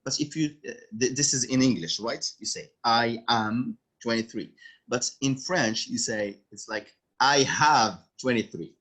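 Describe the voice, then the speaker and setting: A man from Morocco with a Moroccan accent tutoring French over a video call, patiently repeating words slowly. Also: mid-range voice, a bit bright. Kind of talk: online one-on-one language lesson.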